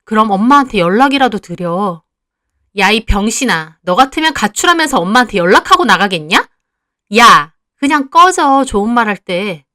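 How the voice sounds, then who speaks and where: A woman's voice: medium pitch, animated, a little fast, hardly any pauses, fairly bright tone, natural voice. A woman voicing a cruel, bratty teenage younger sister who sneers and threatens. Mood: menacing sneer.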